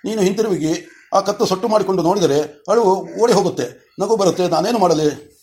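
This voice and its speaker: A man's voice: high voice, a little fast, a little mellow, close to an everyday voice. A wise little boy, read by a man. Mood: earnest.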